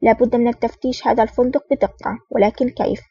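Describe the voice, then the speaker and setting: Woman reading stern male spy, curt commands, fast flat delivery, distant dull audio. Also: fairly high pitch, breathy edge, dry recording. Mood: serious. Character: stern, terse male secret agent. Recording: dull, distant, dry recording.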